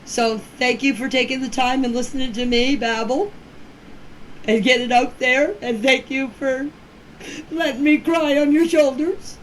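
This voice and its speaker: In a low-quality phone voice message with slight hiss or hum, a woman in her fifties speaks a little slowly in a high-pitched, steady tone. Talking informally as a community member about a case, she's plainspoken and earnest, repeating herself for emphasis.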